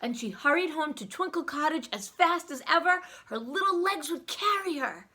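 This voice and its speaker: Her voice sitting high and her speed normal, a woman tells a story to young kids with lively expression, dramatic stresses and questions directed at the listener.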